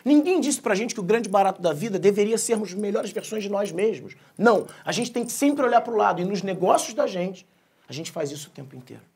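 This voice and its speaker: A man's voice: sits high, expressive, a little fast, a little mellow, slightly rough. A Brazilian man giving a comic keynote talk, telling family stories, joking and swearing freely. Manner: jokey, swears freely, acts out family dialogue. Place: conference stage.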